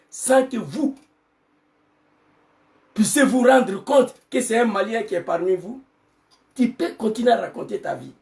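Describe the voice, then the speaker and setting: A middle-aged man with an Ivorian French accent, an activist giving an angry political monologue full of shouted rhetorical questions. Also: very high-pitched, distant mic. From Côte d'Ivoire.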